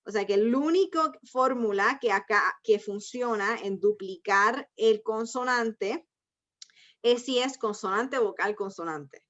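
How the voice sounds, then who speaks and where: Over a video call, a woman teaching an online language course goes through the rules patiently, one step at a time, switching between Spanish and English. Her ESL-teacher voice is a little high, a little slow, and a bit bright, with dull lo-fi sound.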